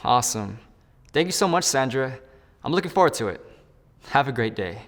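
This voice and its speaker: A man's voice: medium pitch, animated, moderate pace, fairly bright tone, in a large hall. A man role-playing a job candidate in a phone interview and explaining each step to the viewer in an upbeat way. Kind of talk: scripted role-play with asides to the viewer.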